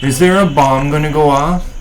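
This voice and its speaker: A man hosting a paranormal session, putting short, halting questions aloud to unseen spirits. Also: on the high side, steady tone, very noisy.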